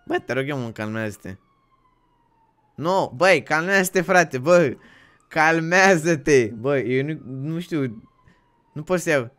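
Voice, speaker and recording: Panicky bright-voiced young man pleading. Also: a little high, lively intonation, long pauses. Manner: panicky, pleading, shouts repeated pleas. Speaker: roleplay streamer. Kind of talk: casual game roleplay chat.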